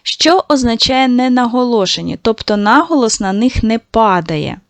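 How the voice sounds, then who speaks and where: Woman teacher doing a video lesson for little kids, patient, drawn-out sounds, dry close sound. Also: fairly high pitch, lively intonation, no room sound. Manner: patient, stretches out sounds to model pronunciation; praising, addresses children directly. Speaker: primary school teacher. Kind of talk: recorded video lesson for young pupils.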